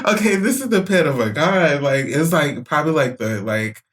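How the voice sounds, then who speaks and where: Animated slangy woman telling a myth. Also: low-pitched, normal speed, slight background noise. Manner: animated, slangy, laughs often, calls listeners honey. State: tipsy from shots. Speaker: podcast co-host. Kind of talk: casual storytelling chat.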